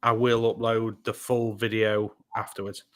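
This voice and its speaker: A man's voice: on the low side, little pitch movement, measured pace. A man hosting a live stream. He mostly gives brief, encouraging interjections. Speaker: host.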